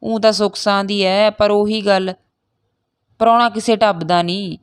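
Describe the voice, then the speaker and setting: A grieving old village mother, tearful and pleading, speaking high and loud above a plain speaking voice, as a woman reading a play aloud puts her on. The delivery stays strained and emotional. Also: steady tone, moderate pace, clean tone, dry recording, studio quality, close to an everyday voice. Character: middle-aged Punjabi village mother, grieving for daughter.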